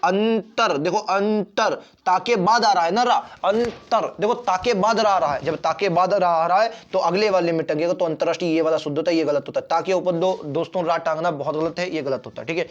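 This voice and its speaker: A man's voice: a little high, fast talker, hardly any pauses. A man teaching an online exam-prep Hindi lesson, repeating words and checking in with "theek hai". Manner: repetitive, drills spellings with "theek hai". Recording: dull lo-fi recording.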